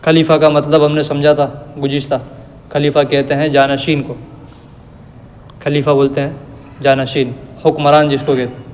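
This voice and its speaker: A man giving a religious lesson, reciting verses slowly and then explaining them in plain everyday words. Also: a little high, flat delivery, darkish tone, a little hiss or hum. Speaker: Quran teacher. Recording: long reverb.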